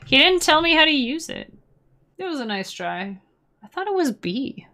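A woman streaming a video game with casual, playful, excitable commentary to her chat, often exclaiming and giggling. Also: high voice, normal speed, soft background music.

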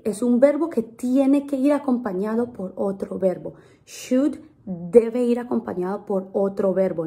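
A young woman hosting a casual English lesson video, chatty and playful, slowing down to model English sounds. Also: medium pitch, mellow. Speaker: English teacher and channel host.

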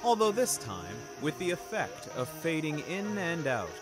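Sing-song and unhurried, a man's fairly high voice narrates a scripted first-person story for a fiction podcast. His delivery is wry, theatrical and ornate, and music plays beneath it.

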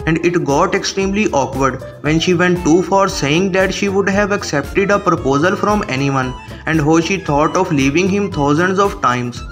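A man with a high-pitched voice reads scripted commentary as a video narrator. Faint music plays underneath him throughout. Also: normal speed. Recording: voice-over with music bed. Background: background music.

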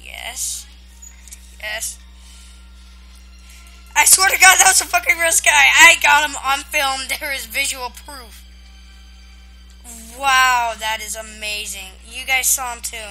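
Excitable woman gamer, high bright voice, live play commentary. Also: slow, pauses often, soft background music, rough recording. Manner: excitable, yelling and laughing at the game.

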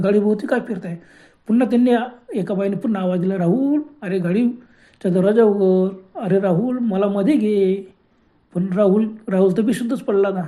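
A man's voice: high voice, dark tone. A man narrating a horror story in a dramatic way, often exclaiming in fright.

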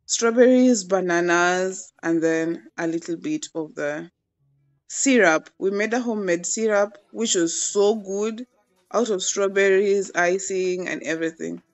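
A woman's voice: medium pitch, a little slow, dull audio, faint music behind. A young woman in her twenties chatting casually as she narrates a home cooking demo, playful and gushing about the food. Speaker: cooking vlogger.

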